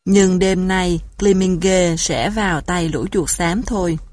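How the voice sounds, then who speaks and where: A woman voicing a gloomy old male crane who complains in a weak, hoarse voice in a storybook reading. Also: fairly low pitch, slow, darkish tone, no echo. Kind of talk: storybook narration.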